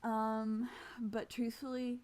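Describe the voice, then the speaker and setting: Speaking slowly in a slightly high, level and somewhat mellow voice, a woman flutist with missing teeth walks through an informal lesson, demonstrating as she goes. She's casual and self-deprecating, and hesitant while explaining.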